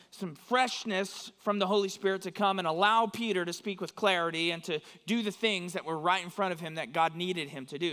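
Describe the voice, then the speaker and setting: A pastor from West Texas preaches in a church sanctuary in a conversational way, often checking in with his listeners. His voice is fairly high and fairly bright, and the recording has long hall reverb.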